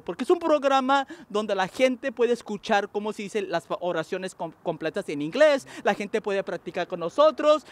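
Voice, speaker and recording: A man's voice: very high-pitched, background noise. A man hosting a playful street quiz show, teaching English and teasing as he switches between Spanish and English.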